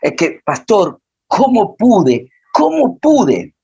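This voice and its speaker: A man voicing a remorseful young husband, nervous and tearful, with anguished, drawn-out pleas. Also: high voice, wildly swooping pitch, warm tone, husky, lo-fi sound, pitched above the performer's own voice, full character voice.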